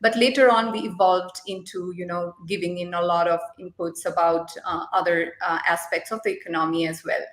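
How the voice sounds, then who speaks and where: A woman's voice: on the low side, fairly even intonation, brisk, few pauses, roomy sound. A young woman from Nepal, a startup co-founder, answering interview questions at length on a video call, with many fillers as she explains.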